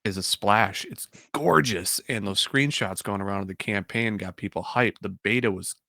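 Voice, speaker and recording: Man, bright tense tone, dry recording, enthusiastic casual chat. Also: fairly low pitch, moderate pace, vocal fry, dry recording. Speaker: podcast co-host.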